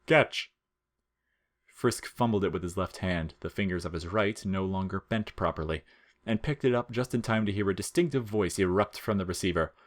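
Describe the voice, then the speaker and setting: Reading from a script like an audiobook storyteller, a man with a low voice narrates a work of fiction at a brisk pace.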